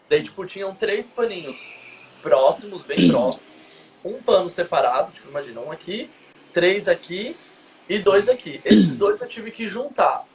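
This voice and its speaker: A young man with a notably high voice tells a personal story on a live video call. He is animated and acts out the back-and-forth dialogue as he goes. Faint room ambience sits under his voice. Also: slight background noise. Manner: animated, quotes dialogue vividly. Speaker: guest, dance teacher. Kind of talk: casual live-stream storytelling.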